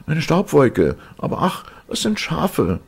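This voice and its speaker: Storybook sister on a tower lookout played by a male reader, high, husky, calling down. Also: huge pitch swings, slow pace, full character voice. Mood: anxious. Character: anxious young sister on a tower.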